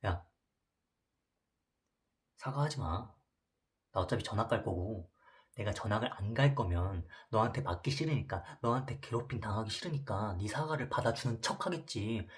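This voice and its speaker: A man's voice: fairly low pitch, moderate pace, close to an everyday voice. A man voicing a timid teenage schoolboy who speaks in a cold, cutting way while retelling a film.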